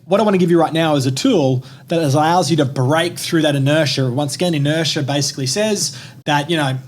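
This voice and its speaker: A young man co-hosting a motivational podcast, talking in an energetic, emphatic way and swearing casually. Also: fairly high pitch, brisk. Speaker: podcast co-host. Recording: faint background noise.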